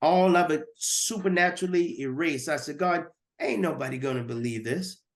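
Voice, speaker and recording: A man's voice: fairly high pitch, normal speed. A man giving a personal testimony as a guest, earnest and repeating words as he goes.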